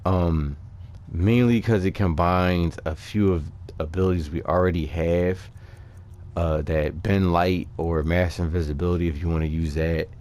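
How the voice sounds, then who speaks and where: A host with a deep voice narrates his game build casually for returning viewers, a touch hesitant as he explains things over the footage. The mic voice-over is steady, slightly slow, and a little mellow.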